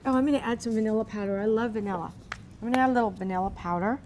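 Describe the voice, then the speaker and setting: Rapid-fire and a little mellow, this woman's mid-range voice comes through a rough recording with noticeable background room noise. She hosts a relaxed cooking demonstration, chatting folksily through every step, and hails from Cape Cod, having partly grown up in Berlin as part of a US military family.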